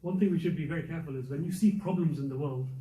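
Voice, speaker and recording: Teaching a youth and parents circle, a man delivers a conversational religious lesson very fast, driving points home through repetition. His dark, mellow voice sits a little high for a man. He's away from the mic in a roomy, echoing space, and the audio is dull and muffled with slight background noise.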